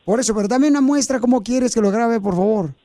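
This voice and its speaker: A radio host with an unusually high-pitched voice, teasing and joking on air. He talks in an animated, playful way. He is close on a studio microphone. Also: fast, background noise. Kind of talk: playful radio prank banter.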